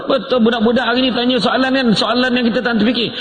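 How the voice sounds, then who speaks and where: A man's voice: extremely high pitch, steady tone, quick pace. A male preacher, giving a sermon in a chatty, joking way and asking his listeners questions. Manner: conversational, joking, asks the crowd questions. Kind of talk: humorous parenting sermon. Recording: echoey room with faint noise.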